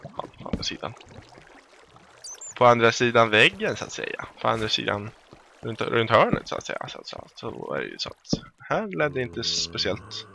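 A man's voice: mid-range voice, very animated, creaky, pushed and bright, slight background noise. A Swedish man giving playful, casual commentary while playing a video game, often singing made-up lines and exclaiming. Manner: playful, improvises silly songs and exclamations. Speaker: let's play gamer.

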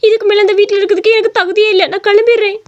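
High whiny young wife for a cartoon, voiced by a woman, quick and sharp. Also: highs cut off. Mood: tearful. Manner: wailing, self-pitying complaints. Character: tearful young village wife.

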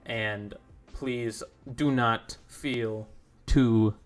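A man's voice: medium pitch, steady tone, extremely slow, soft background music. A young man giving rambling, casual commentary over his own gameplay, easily confused and self-deprecating. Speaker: gaming YouTuber.

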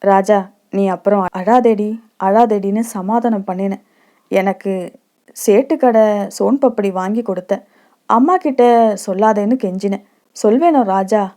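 A young village girl speaks of shared childhood days with fond, wistful affection, as a woman reading a short story puts her on. The tone is mellow and soft, and the pitch sits in an ordinary middle range. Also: measured pace, long pauses, natural voice.

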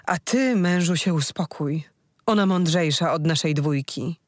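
The audiobook reader voicing a village wife whose throat was hurt, speaking hoarsely in rustic dialect. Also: medium pitch, unhurried, no room sound, studio quality, lightly acted. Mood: pleading. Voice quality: hoarse, rough-voiced.

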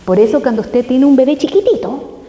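A woman giving a live health talk to an audience, asking it many quick questions. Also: sits high, dark tone. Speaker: health speaker. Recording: echoey hall.

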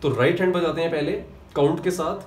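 This young Indian man speaks fast at a fairly high pitch, giving a piano lesson in a room with a piano. He counts beats aloud and explains each step, mixing terms into his talk. The echoey recording has slight background noise and piano playing.

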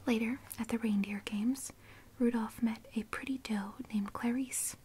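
A woman reading a children's storybook aloud in a soft, unvoiced ASMR whisper. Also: on the high side, steady tone, measured pace, slight background noise. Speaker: reader.

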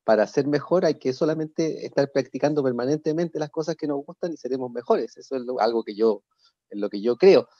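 On a video call, a middle-aged actor from a theatre company, speaking with a Chilean accent, expressively explains his craft to an online panel. His mid-range voice is brisk and mellow, and the audio is dull and dry with no echo.

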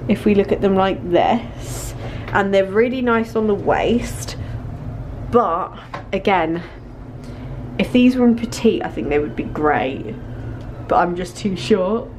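Trying on clothes in a small store fitting room, a young British fashion vlogger talks casually to her handheld camera and repeats words for emphasis. Her voice is medium in pitch; the audio is poor and carries slight background noise.

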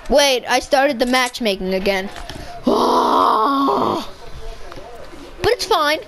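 Excitable woman gamer, high voice, unhurried delivery, chatty self-correcting commentary. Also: slight background noise, low-quality recording. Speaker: gaming video creator. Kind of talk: casual gameplay commentary.

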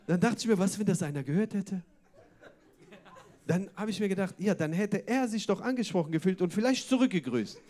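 A man's voice: sits high, expressive, a little fast, darkish tone. A man doing a stand-up comedy set on a club stage, chatty and full of wordplay and tag questions.

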